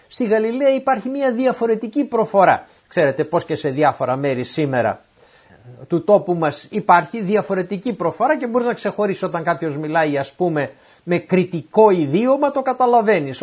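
A man's voice: high voice, breathy edge. A man preaching a sermon who reads scripture verses and then retells them in everyday words. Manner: animated, acts out the quoted speakers. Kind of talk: sermon explaining a Bible passage. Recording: dull lo-fi recording.

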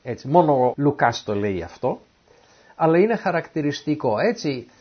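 The voice belongs to a man pitched on the high side, with a breathy edge, who preaches on a Bible passage. After reading each scripture verse he retells it in everyday terms, animatedly acting out whoever is being quoted. Sound quality is dull and lo-fi.

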